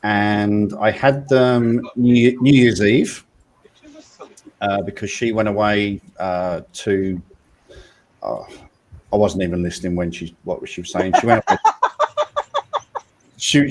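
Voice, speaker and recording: A man's voice: fairly low pitch, sing-song, a little slow, pauses often, slight background noise. A man hosting a casual after-show chat, rambling and hesitant, with many fillers and restarts. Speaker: host.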